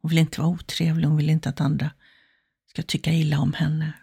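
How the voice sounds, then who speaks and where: A woman's voice: deep voice, level tone, vocal fry, warm tone, breathy edge, dry recording, studio quality. A woman telling an illustrative story as a self-help speaker, acting out the characters' inner thoughts in quoted asides. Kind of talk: storytelling example talk.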